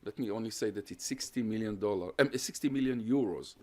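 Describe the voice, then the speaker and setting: Hungarian by first language, this guest lecturer on terrorism research has a lowish, mellow voice. He gives a calm, explanatory academic lecture that builds lists of points and includes questions from the audience.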